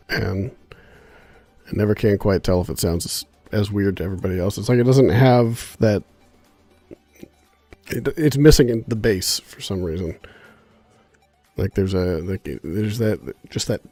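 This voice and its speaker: A man with a fairly low, warm voice chats casually on a gaming livestream, sounding congested and nasal in a dry recording. He's laid-back and rambling, thinking aloud with plenty of fillers.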